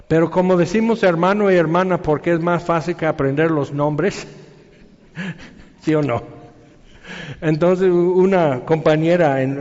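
A man preaching a sermon in a conversational, animated way, acting out quoted voices. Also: a little high, in a large hall, highs cut off.

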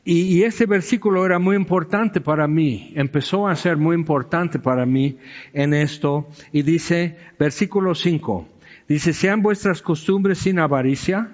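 A man's voice: a little high, a little slow. A middle-aged man, a pastor giving a candid, conversational sermon with frequent check-in asides. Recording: dull sound with long hall reverb.

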